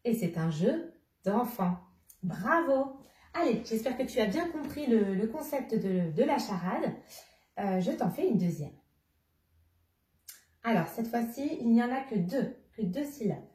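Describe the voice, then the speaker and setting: A woman's voice: on the high side, big pitch swings, darkish tone. A woman teacher speaking to a young child, patiently setting riddles and repeating each clue. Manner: slow, patient, addresses a child directly, repeats clues. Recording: roomy, somewhat distant mic.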